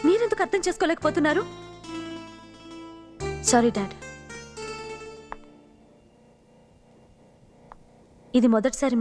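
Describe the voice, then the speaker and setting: Young woman in love, super high voice, earnest, pleading. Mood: defiant. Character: young woman torn between her love and her father. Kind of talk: emotional film drama.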